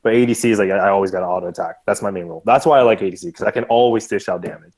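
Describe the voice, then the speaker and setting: A man trying out as a guest on a gaming podcast, talking in a relaxed, loose way with lots of fillers. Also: lowish voice, racing. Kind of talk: casual podcast chat.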